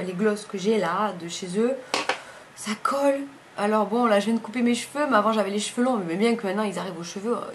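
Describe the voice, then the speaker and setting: A woman's voice: on the high side, slight background noise. A woman, chatting casually through a makeup review, rambling and often correcting herself mid-sentence. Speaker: beauty vlogger.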